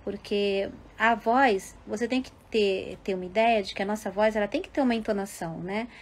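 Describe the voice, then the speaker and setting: A woman giving advice to parents in an unhurried, explanatory monologue, often adding little tag questions. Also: medium pitch.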